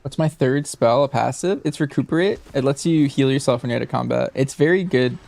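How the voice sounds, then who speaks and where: A man's voice: medium pitch, brisk, gravelly, darkish tone. A man casually chatting with viewers and answering questions as he streams a game. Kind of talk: casual chat with stream viewers while gaming.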